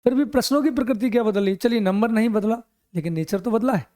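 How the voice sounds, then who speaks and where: A man's voice: high voice, fast, mellow. A middle-aged man teaching an exam coaching lecture, mixing English terms into his explanations and often asking questions and answering them himself.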